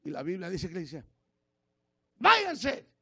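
Gravelly pastor shouting and murmuring by turns. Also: male voice, moderate pace, dry recording, clean studio sound. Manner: swings from shouted preaching to low confiding asides. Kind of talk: sermon.

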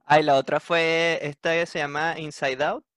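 A Venezuelan man recounts things expressively in casual conversation. His voice is slightly higher than most, and the recording is dry. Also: moderate pace, no echo. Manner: expressive, emotional retelling. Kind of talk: casual chat.

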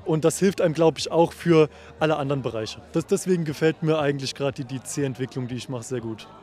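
A male software developer answering interview questions outdoors, hesitant and stammering with many restarts. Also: a little high, fast. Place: outdoors at a summer party.

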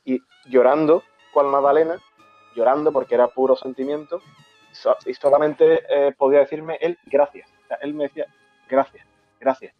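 A man tells an old memory at an unhurried pace, stumbling over and repeating his words. The recording is dull and lo-fi, with faint music underneath. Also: fairly high pitch, fairly even intonation, no echo. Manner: halting, repeats words, moved. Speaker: host of a brotherhood talk show. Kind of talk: emotional storytelling in casual chat.

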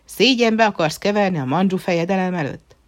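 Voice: mid-range voice, gravelly. A storyteller voicing a stern, hot-tempered emperor father who gives commands, in a fairy-tale reading. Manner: commanding, shouting.

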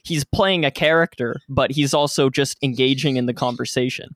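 A man's voice: mid-range voice, normal speed, a bit bright, no echo, clean studio sound. A man co-hosting a podcast in casual chat, rambling with restarts and laughing often. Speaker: podcast co-host.

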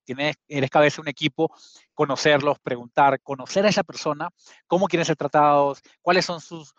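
A man in his thirties speaks as an interview guest, earnest and slightly high-voiced, often backing up to restart a phrase. The recording is dull and a little muffled, with a dry sound and no room echo. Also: fairly even intonation, a little fast. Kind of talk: conversational storytelling.

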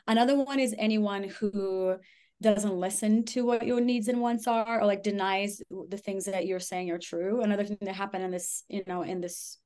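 A woman's voice: medium pitch, fairly even intonation, moderate pace, dark tone, clean tone. A woman talks as a guest on a podcast in a loose, conversational way. Her speech is full of "like" and "you know", and she acts out the lines of people in her stories. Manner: chatty, lots of "like" and "you know", acts out quotes. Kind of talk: casual conversational storytelling.

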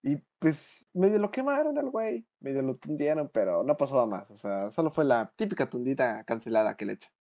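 A man's voice: mid-range voice, very animated, a little fast, creaky, few pauses, warm tone. A young man with a Mexican accent, co-hosting a podcast in casual chat, slangy and rambling, full of fillers and restarts. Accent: Mexican Spanish. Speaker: podcast co-host.

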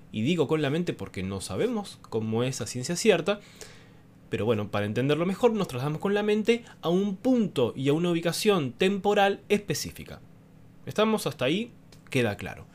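Lively man explaining. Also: fairly high pitch. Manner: animated teacherly talk with rhetorical questions. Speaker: host. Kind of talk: explanatory monologue to camera.

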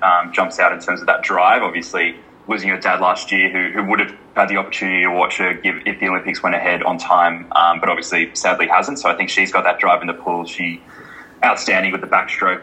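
Deep, bright, fast-talking Australian man. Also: poor audio. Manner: earnest, quick, with many ums. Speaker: podcast co-host. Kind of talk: casual sports chat.

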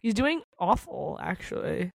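A woman's voice: mid-range voice, big pitch swings, unhurried, vocal fry, dry recording. Gushy chatty woman podcast co-host. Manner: gushy, exclaims often, lots of "like" fillers. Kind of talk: casual chat.

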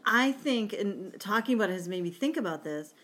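A woman's voice: medium pitch, lively intonation, brisk, a bit bright. A woman in casual group chat, talkative, laughing easily and trailing off mid-sentence.

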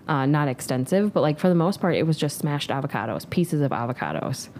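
A woman's voice: deep voice, animated, fairly quick, a little mellow, a little hiss or hum. A woman in her thirties, a co-host in casual chat, who acts out quotes in big voices. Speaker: podcast co-host.

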